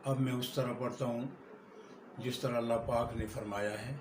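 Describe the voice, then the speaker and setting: Male prayer teacher, measured explainer turning to slow chanted recitation; roomy sound with faint room noise. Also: medium pitch, steady tone. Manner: explains plainly, then recites Arabic slowly and melodically. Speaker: religious teacher.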